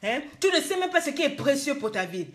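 A woman's voice: high voice, sing-song, brisk, fairly bright tone. A woman life coach, scolding her viewers in a live-streamed motivational talk, emphatic and full of rhetorical questions.

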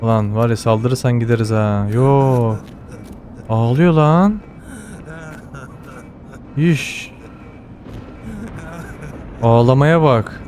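A man with a Turkish accent giving excited running commentary while playing a game, often repeating words and exclaiming. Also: medium pitch, drawn-out words, long pauses, slight background noise. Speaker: gamer.

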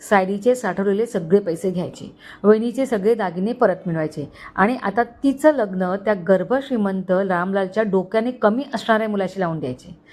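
A woman's voice: medium pitch, a little mellow, close to an everyday voice. Greedy scheming middle-aged uncle, read by a woman, gloating and scolding.

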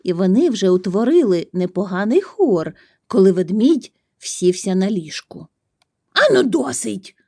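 A woman reading a children's story aloud, gentle and soft, sometimes dropping to a whisper. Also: medium pitch, sing-song, normal speed.

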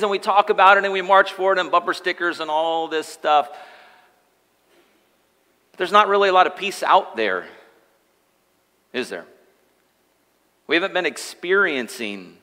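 A man's voice: high-pitched, moderate pace, pauses often, sharp tone. A man in his thirties preaching a sermon as pastor, joking and chatting with the congregation in asides, from a church stage. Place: church sanctuary. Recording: long church hall reverb.

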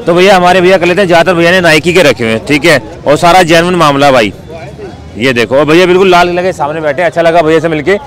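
A man's voice: on the high side, quick pace, a bit bright, poor audio. A man vlogging on foot through an outdoor street market, upbeat and chatty, asking sellers about prices. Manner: upbeat, repeats "bhai" and "theek hai". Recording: outdoor crowd noise behind. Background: crowd chatter and traffic.

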